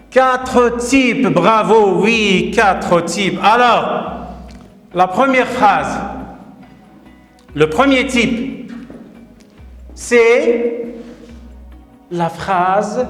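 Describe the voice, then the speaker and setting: Male primary teacher from Morocco, very slow, lively pitch, echoey hall, faint music behind. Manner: slow, emphatic, repeats and praises. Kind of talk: grammar lesson for children.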